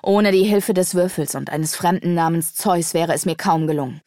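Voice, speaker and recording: A woman's voice: on the low side, moderate pace, mellow, no room sound, lightly acted. A composed male angel speaks plainly and evenly, put on by a woman narrator. The recording is dry and close. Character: angel, son of the silent gods, male.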